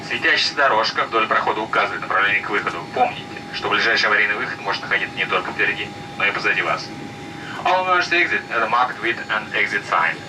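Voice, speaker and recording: Male flight attendant, cabin loudspeaker announcement, formal recited delivery, quick, noisy cabin. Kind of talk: reading safety announcements. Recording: distant cabin speaker with engine rumble.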